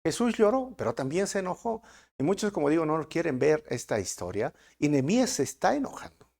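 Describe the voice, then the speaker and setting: A man preaching a sermon with a Peruvian Spanish accent, his voice gravelly and rough at the edges. His pitch swings widely as he presses points home. He keeps asking the congregation rhetorical questions. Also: sing-song, a little fast, a little mellow. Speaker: pastor. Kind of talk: verse-by-verse sermon.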